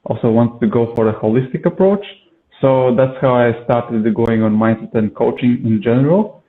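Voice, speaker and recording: A man's voice: medium pitch, moderate pace. A man from Latvia, a yoga and mindset coach, talking in an interview with many hesitant filler sounds. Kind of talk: conversational interview. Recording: tinny phone-like call audio.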